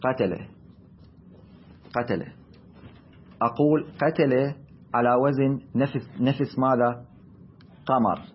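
A man with an Iraqi accent teaching a class, speaking deliberately and asking and answering his own questions. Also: medium pitch, fairly even intonation, breathy edge, muffled recording. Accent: Iraqi Arabic. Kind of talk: classroom lecture.

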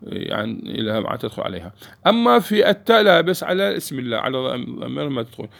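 Gravelly man teaching grammar. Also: medium pitch, very animated, fast, fairly bright tone. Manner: explains step by step, asks the class questions and answers them himself. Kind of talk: Arabic grammar lesson.

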